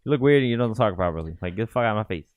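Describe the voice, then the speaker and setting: A young man co-hosting a casual sports podcast, ranting with blunt profanity and animated questions. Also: on the low side, very fast, dry recording. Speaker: podcast co-host.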